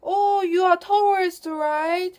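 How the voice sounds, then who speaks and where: A woman's voice: very high-pitched, fairly even intonation, takes it slowly, darkish tone, pitched above the performer's own voice. A woman acting out pushy, exasperated Singaporean locals in comic skits, speaking exclamatory Singlish with a Singaporean accent. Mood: eager haggling. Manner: Singlish, exclamatory with lah and leh particles. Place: cluttered room indoors.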